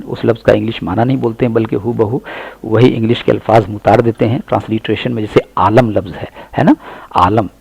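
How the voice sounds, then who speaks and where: Urdu-accented guy teaching english sounds, low gravelly voice, dry close mic, repeats every word slow. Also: a little mellow, dry recording, poor audio. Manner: slow, deliberate model phrases, repeating each word. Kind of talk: pronunciation lesson in Urdu.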